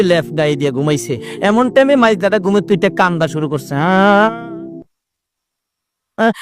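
A man with a preaching a sermon in a lively sing-song, acting out voices in his stories. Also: high-pitched. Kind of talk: Bangla waz sermon.

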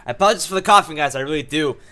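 A man's voice: on the high side, very fast, sharp tone. A young man talks casually over a game with a sore throat, coughing now and then. He rambles along with lots of fillers while faint music plays behind him. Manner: chatty, rambling, many fillers. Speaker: video game commentator. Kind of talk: casual let's-play commentary.

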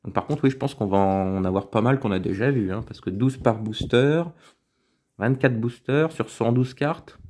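A man chatting casually as he opens card packs, reading out names slowly and muttering asides. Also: mid-range voice, a little mellow, a little hiss or hum. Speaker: card-opening video host. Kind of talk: casual pack-opening commentary.

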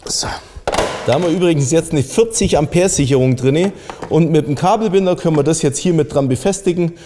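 Mellow middle-aged man explaining an install. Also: on the high side, brisk, slight background noise. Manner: explains step by step while working, casual and plain. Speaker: car audio installer. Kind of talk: hands-on installation tutorial. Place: indoor car workshop.

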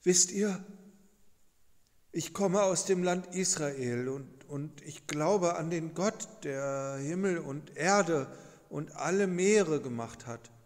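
A man's voice: slow pace, long reverb tail. A man voicing Jonah, an anxious adult prophet running away, in a raised plaintive voice. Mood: fearful. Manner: higher, plaintive and fearful.

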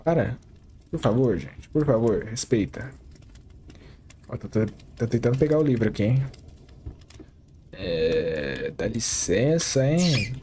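A man's voice: medium pitch, big pitch swings, takes it slowly, long pauses, warm tone, slight background noise. A man with a Brazilian Portuguese accent hosting a gaming channel, joking and talking to his viewers in casual gameplay commentary. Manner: joking, talks to the viewers as he plays.

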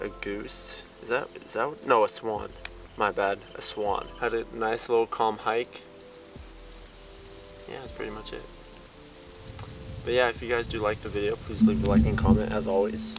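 A man's voice: on the low side, far from the mic. A young man chatting casually on a hiking trail for his vlog, laid-back and rambling, with some casual swearing. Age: young adult. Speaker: vlogger. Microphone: camera held at arm's length.

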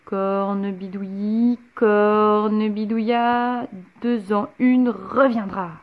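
A woman's voice: a little high, slow, darkish tone. A woman voicing a sneaky, mean witch in a children's story, sly and snickering. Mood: scheming.

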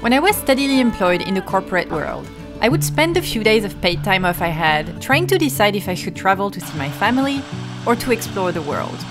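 Woman, travel vlog narrator, scripted voice-over, wry storytelling, mid pitch, music under her voice. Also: very animated, brisk. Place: voice-over, not recorded on location. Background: background music.

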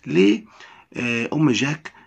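A man with an Egyptian Arabic accent teaching a primary English lesson. He reads English lines slowly, then explains them in quick Arabic. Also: medium pitch, animated, gravelly, slightly rough, lo-fi sound.

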